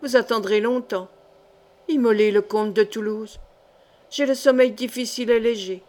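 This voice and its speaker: A woman's voice: on the high side, fairly even intonation, normal speed, darkish tone, lightly acted. A woman voicing a fussy middle-aged male royal steward in a storybook reading, protesting and justifying himself. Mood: indignant.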